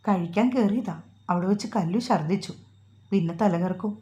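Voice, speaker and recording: Young husband in a storybook reading, offhand and hungry, a woman narrator's voice; mellow tone. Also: medium pitch, moderate pace, slight background noise, natural voice.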